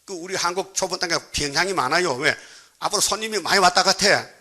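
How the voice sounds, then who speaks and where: A Gyeongsang Korean pastor delivers his sermon with a tense, ringing brightness. His voice sits a little high for a man. He talks plainly and jokes, throwing questions back at the congregation again and again. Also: quick pace. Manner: prods the congregation with constant questions; colloquial, joking preaching.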